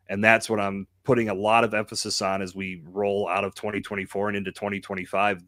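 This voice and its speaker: A man hosts a live podcast with a fairly low, slightly bright voice, speaking candidly, emphatically and colloquially. He is close to the mic, and there is no room sound.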